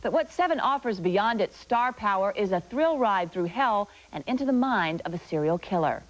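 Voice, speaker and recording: A woman presenting entertainment news in a brisk, upbeat scripted style. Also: medium pitch, expressive, low-quality recording. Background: music.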